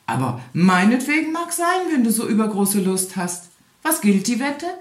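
A haughty, mocking male hare with a loud, drawn-out sneer in his talk, as a woman reads him in a storybook. The reading sits in a roomy, echoey space, and the voice swings widely up and down. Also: on the high side, very animated, pitched above the performer's own voice. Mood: scornful. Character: scornful haughty male hare, fast runner. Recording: echoey room.

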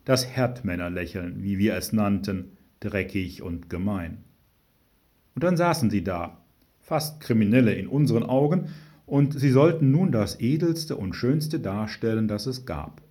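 A man narrating a story in a calm reading voice, with dry humor. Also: fairly low pitch, a little slow. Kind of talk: scripted narration.

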